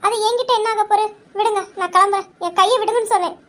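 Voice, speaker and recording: Woman playing a young wife, stubborn, scolding, indignant, quick retorts, comic skit, very high voice, fast talker. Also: fairly bright tone. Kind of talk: comic couple skit acting.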